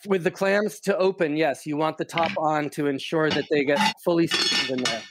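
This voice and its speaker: A man, a chef, calmly talking someone through a recipe in a casual chat. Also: a little high, normal speed, very noisy. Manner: instructive, enthusiastic. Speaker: chef guest.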